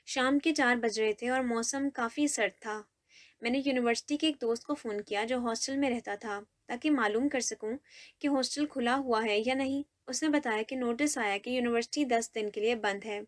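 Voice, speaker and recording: A woman narrating an audio novel as a scripted first-person story, in an even, steady reading. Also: fairly high pitch, dry recording, studio quality.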